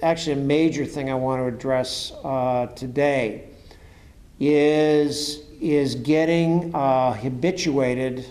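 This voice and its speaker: A man working as an interviewer and coach, talking conversationally and enthusiastically, often halting and repeating words for emphasis. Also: mid-range voice, steady tone, a little mellow.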